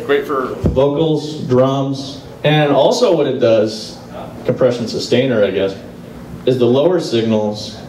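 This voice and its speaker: A man's voice: medium pitch, background noise. A middle-aged man giving a casual live guitar clinic in a music store, speaking into a handheld mic and explaining as he plays. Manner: casual and explanatory, pausing to play examples. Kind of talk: live demonstration talk. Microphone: handheld microphone. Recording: roomy live sound from a distance. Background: guitar playing.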